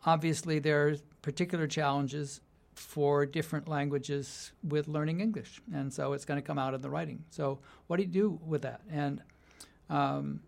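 An American man who teaches writing at a university gives thoughtful interview answers, often restarting mid-sentence and breaking into light laughs. His voice is a little high and gravelly.

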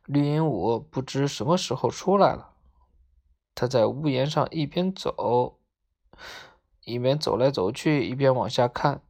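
Low-voiced woman reading a children's story. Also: expressive, measured pace, pauses often, a little mellow. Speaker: narrator.

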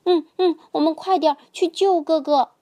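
A woman voicing a crowd of excited little frog brothers in a children's story, shouting in high, eager voices. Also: normal speed.

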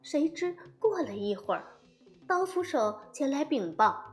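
A woman reads a classic storybook tale aloud, her fairly high voice rising and falling with plenty of life. She takes her time over each phrase, with soft music playing underneath. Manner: expressive, unhurried storytelling. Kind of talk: storybook narration.

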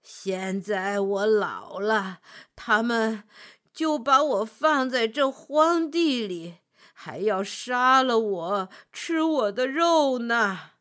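Woman doing a slow, sorrowful old ox. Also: on the high side, fairly bright tone. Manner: slow, heavy, mournful.

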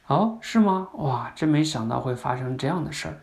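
Man playing a father talking to his child, coaxing, slightly gravelly. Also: fairly high pitch, expressive, brisk. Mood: gently understanding. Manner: coaxing, exasperated. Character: soothing, then impatient young father.

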